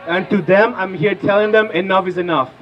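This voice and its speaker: At an outdoor rally, a Peruvian political organizer in his thirties gives an impassioned, rousing speech, putting questions to the crowd. His voice is high and a little fast, and the lo-fi recording carries a little hiss or hum.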